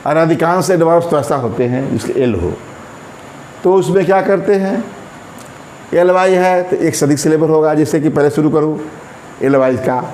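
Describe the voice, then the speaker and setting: A man teaching an English grammar lesson in Hindi, speaking slowly and repeating words while he writes them out. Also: a little high, darkish tone. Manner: slow, drawn-out, repeats words while writing on a board. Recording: echoey room, faint background noise.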